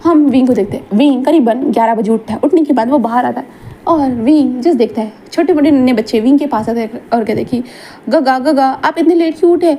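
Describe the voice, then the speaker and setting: A woman tells a fanfiction story in a rambling, casual way, often repeating and correcting herself. Her voice is high and quick, with a mellow tone.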